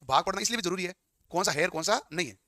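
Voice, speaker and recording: Fast, bright-voiced male teacher. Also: high-pitched, lively intonation, no room sound, clean studio sound. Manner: asks and answers his own questions. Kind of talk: classroom lecture. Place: classroom.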